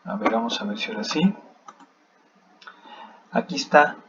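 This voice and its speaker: A man's voice: a little high, big pitch swings, normal speed. A man teaching a math lesson over a screen recording, thinking aloud as he checks his work. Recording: slightly dull sound with faint background noise.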